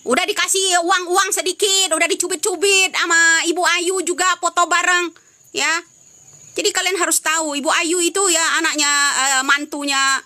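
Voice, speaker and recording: Scolding high-voiced woman on a live stream. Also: bright, forceful tone. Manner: scolding, repetitive, rhetorical questions. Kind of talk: angry live-stream commentary.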